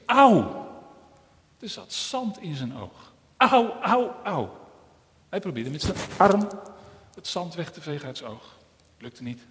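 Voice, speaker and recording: A man, a pastor, telling a children's story during a church service in a lively storytelling manner. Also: a little high. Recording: long church reverb.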